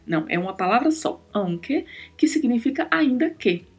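A woman's voice: a little high, sing-song, normal speed, darkish tone, slightly rough, faint music behind. A woman hosting a podcast, teaching Spanish in a careful, scripted lesson and spelling out words and sounds. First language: Portuguese.

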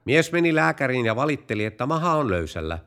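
A man hosting a joke podcast, telling jokes in a dry, deadpan way. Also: mid-range voice, a crowd in the background. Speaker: podcast host.

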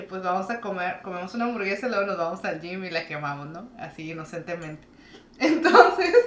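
A woman's voice: mid-range voice, a bit bright. A young woman with a Mexican accent co-hosting a casual chat, telling a story with frequent laughter. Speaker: co-host. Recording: echoey room.

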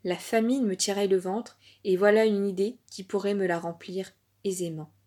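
A woman's voice: medium pitch, fairly even intonation, moderate pace, warm tone, natural voice. A woman voicing a hungry, greedy female hyena plotting to herself. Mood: scheming. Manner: scheming, musing to herself.

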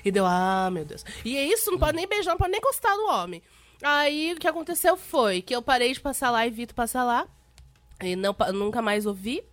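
A woman's voice: high-pitched, lively intonation, fairly quick, no echo. A woman, co-hosting a podcast and telling a story in a casual chat, self-conscious and laughing. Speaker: podcast co-host.

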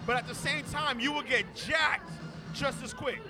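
A man's voice: extremely high pitch, normal speed, pushed and bright, soft background music, a faint crowd. A man in his late thirties from the Bronx with a New York accent, hosting a casual podcast and telling loose, profane stories. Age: 30s. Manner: loose, profane storytelling with laughter. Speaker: podcast host. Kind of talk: casual chat.

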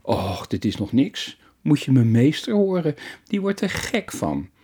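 Man doing a fast-talking eager boy. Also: mid-range voice, sing-song, warm tone, breathy edge, pitched above the performer's own voice. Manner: talks fast, blurts things out. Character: eager blurting boy of about eleven.

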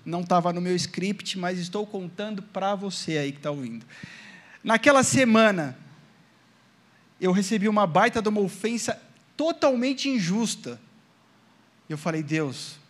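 A man from Brazil preaches to his congregation, weaving a personal testimony into the sermon. His voice sits high for a man, and he keeps addressing the listeners directly, asking them for an amen. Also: lively intonation, measured pace, long pauses, a bit bright. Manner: storytelling, acting out his own past prayers and quotes. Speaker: pastor.

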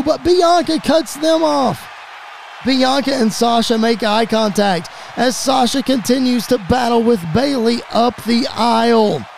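A man calling a fantasy wrestling show as play-by-play commentator, rapid-fire and rising to excited shouts at the big moments. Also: very high-pitched, vocal fry, slight background noise.

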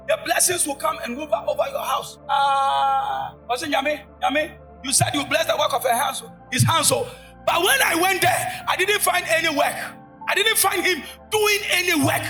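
High, bright preacher shouting. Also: male voice. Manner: shouting, call-and-response preaching. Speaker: pastor. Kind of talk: sermon. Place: church service.

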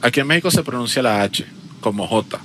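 Bright-voiced man. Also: medium pitch, brisk, slight background noise. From Venezuela. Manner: animated, explains with emphatic repetition. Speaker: podcast co-host. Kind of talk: casual chat.

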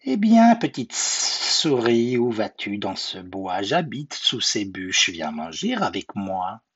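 Man playing a slow, sly storybook snake, wandering pitch, dull lo-fi recording. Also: big pitch swings, fairly bright tone, husky, exaggerated voice.

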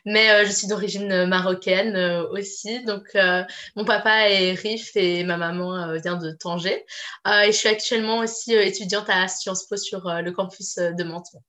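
A young woman from Belgium speaks as a podcast guest, her voice bright and clear at a medium pitch. She talks casually, with frequent pauses. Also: fairly even intonation. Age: young adult.

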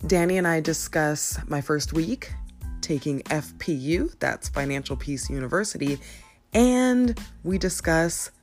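A woman's voice: sits low, a little slow, soft background music. A woman in her thirties hosting a podcast, chatting casually and telling stories with lots of laughs. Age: 30s. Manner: giggly, rambling, animated storytelling. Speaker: podcast host. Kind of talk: casual chat.

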